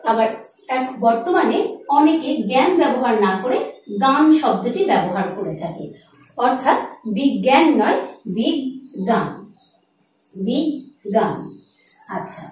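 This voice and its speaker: A woman teacher giving a pronunciation lesson to her students. She draws out example words slowly and calls her students friends. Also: high-pitched, expressive, darkish tone, a little hiss or hum. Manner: slow, drawn-out demonstration of words. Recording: very echoey, from far off the mic.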